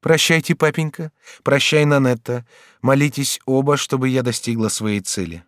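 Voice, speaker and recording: A man's voice: medium pitch, no echo, studio quality, pitched above the performer's own voice, close to an everyday voice. A man voicing a resolute, grave young woman in an audiobook, speaking firmly and earnestly. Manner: firm, earnest, measured.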